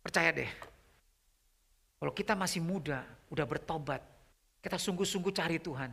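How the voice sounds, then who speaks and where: A middle-aged man preaching a youth sermon in a conversational way, asking the audience questions and swinging from loud, rising questions to hushed, near-whispered lines. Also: a little high, moderate pace, vocal fry, a little hiss or hum.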